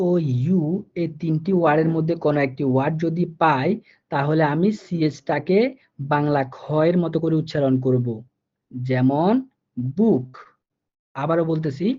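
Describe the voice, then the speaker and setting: Male tutor with a Bangladeshi Bengali accent, mellow and low in tone, patient and repetitive, slows down on the rules, muffled lo-fi recording. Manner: patient, repeats rules slowly and asks if students follow. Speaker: German language teacher. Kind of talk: online language lesson.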